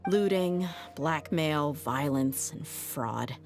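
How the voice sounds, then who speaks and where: A woman's voice: low-pitched, animated, slow pace, exaggerated voice. A woman playing a tough, blunt, loyal mercenary in video game dialogue, speaking informally and matter-of-factly. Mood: bitter. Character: tough, blunt female mercenary, resentful of her father, loyal. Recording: game music playing behind.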